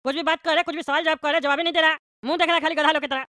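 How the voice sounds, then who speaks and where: A woman voicing a loud, bossy, bald male small-town politician, scolding and firing off questions in a comic cartoon. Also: high-pitched, fairly even intonation, racing, very noisy, natural voice. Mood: annoyed.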